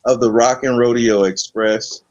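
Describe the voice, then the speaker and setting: Male host, casual slangy chat, middle pitch, dry and muffled audio. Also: steady tone, a little mellow, no echo. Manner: laid-back slangy, drawn-out hype. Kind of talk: casual late-night chat.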